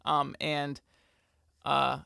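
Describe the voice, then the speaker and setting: A man's voice: on the high side, flat delivery, drawn-out words, gravelly, pushed and bright, smooth, dry recording, studio quality. A man in his twenties co-hosting a podcast, talking loosely and candidly, with some swearing. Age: 20s. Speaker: podcast co-host. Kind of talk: casual chat.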